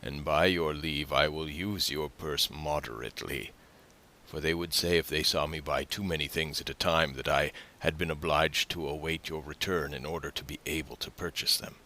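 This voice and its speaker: A man voicing a gentle, cautious old father, speaking softly. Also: a bass voice, fairly even intonation, moderate pace, full character voice. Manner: gentle, soft-spoken.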